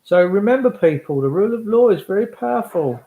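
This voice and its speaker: A man's voice: high-pitched, lively intonation, fairly quick, warm tone. Emphatic English man in an echoey room. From England. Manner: emphatic, repeats phrases for weight. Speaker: livestream host addressing followers. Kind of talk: impassioned political monologue to livestream viewers.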